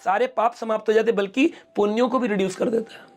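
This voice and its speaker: A man's voice: sits high, fairly even intonation, quick pace. A middle-aged man, a spiritual speaker, explaining scripture in an interview and acting out quoted speech as he tells stories. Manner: storytelling, mixes English words, acts out quoted speech.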